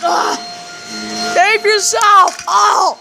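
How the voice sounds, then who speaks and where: A woman's voice: sits high, animated, measured pace, background noise. A woman voicing a panicky, melodramatic middle schooler in an amateur cartoon skit, with exclamatory, repetitive wailing. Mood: panicked.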